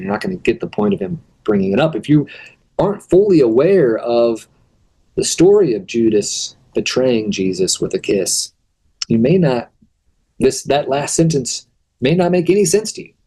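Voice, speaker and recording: Man teaching, voice going hoarse. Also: medium pitch, dark tone, rough recording. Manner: casual explanatory, asides and rhetorical questions. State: losing his voice. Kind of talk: recorded video lesson.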